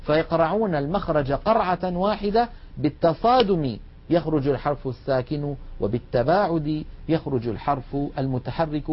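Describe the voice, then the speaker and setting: A man teaching a lesson on recitation rules, explaining patiently and drawing out slow recited examples. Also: on the high side, lively intonation, a little hiss or hum. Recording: dull lo-fi recording.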